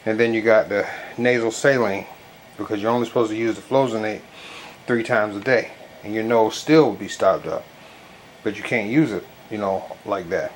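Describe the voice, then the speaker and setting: A man talking casually and haltingly in a home product review, with a stuffy nose as if packed with gauze. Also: on the low side. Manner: loose, colloquial, halting with frequent verbal tics. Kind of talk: casual rambling video review. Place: bedroom at home. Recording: noisy home recording, clear background noise.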